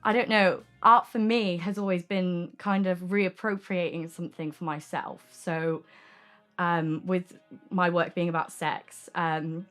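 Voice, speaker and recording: A woman's voice: fairly low pitch, steady tone, measured pace, fairly bright tone. A young adult woman talking frankly and informally in an interview as an artist, often saying "like" and "um". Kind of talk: candid casual interview talk. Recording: music playing behind the voice. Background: music.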